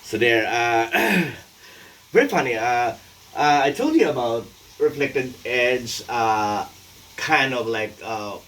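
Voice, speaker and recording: A Filipino man in his forties, talking alone in a rambling vlog, halting and full of fillers, playful at times. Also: mid-range voice, lively intonation, a bit bright, far from the mic. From Philippines. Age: 40s. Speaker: vlogger and tax consultant.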